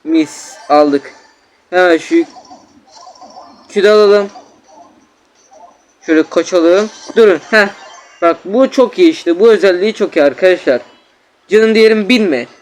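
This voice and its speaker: A man giving excitable gameplay commentary as a gaming YouTuber, repeating words and constantly addressing his viewers. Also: sits high, moderate pace, pauses often.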